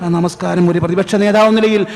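A man's voice: high voice, steady tone, darkish tone. A man playing a polite TV news anchor. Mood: formal. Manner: polite, measured announcing. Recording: echoey stage hall.

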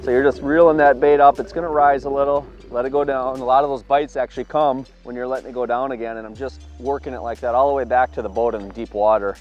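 A man in his thirties talks through his fishing gear from an open boat on a lake, upbeat and explanatory. His voice sits at an ordinary middle pitch, caught on a lapel mic outdoors. Faint music plays softly underneath. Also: fast talker, few pauses, muffled recording. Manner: upbeat, explanatory, excited at catches. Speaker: fishing video producer. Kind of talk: on-the-water fishing demonstration.

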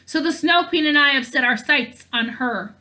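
A woman's voice: sits high, moderate pace, bright, forceful tone. A woman voicing an ancient sea witch who hisses her words with scorn. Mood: scornful. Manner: hissing, scornful.

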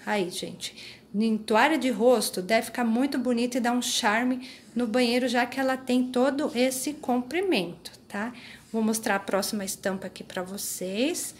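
A woman's voice: fairly high pitch, a little slow, a little hiss or hum. A woman in her thirties hosting a casual crochet vlog, chatting to viewers with frequent tag questions while filming on a handheld phone in a small craft room. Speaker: crochet channel host. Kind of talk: casual show-and-tell vlog. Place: small craft room indoors, later tabletop close-ups. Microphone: phone held in hand.

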